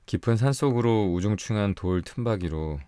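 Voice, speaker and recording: A man reading a story aloud for sleep in an even, unhurried voice. His tone is very deep and mellow. It sits close to the mic and sounds dry, with no echo. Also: clear, resonant tone. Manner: calm, slow, soft storytelling. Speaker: audiobook narrator. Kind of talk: bedtime audiobook reading.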